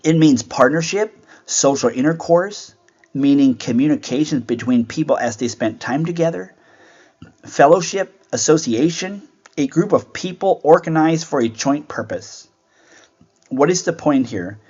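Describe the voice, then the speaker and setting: A man's voice: a little high, animated, measured pace, a little mellow, slightly rough. A man hosting a Bible teaching show, talking earnestly and conversationally and asking rhetorical questions. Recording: dull lo-fi sound.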